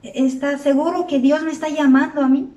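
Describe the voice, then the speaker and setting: A woman voicing a poor, timid young man who doubts himself and pleads with a halting, stammering manner, in a story for children. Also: fairly high pitch, dark tone, recorded from a distance, close to an everyday voice. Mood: nervous. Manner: hesitant, pleading, stammers a little. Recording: roomy echo, from off the mic.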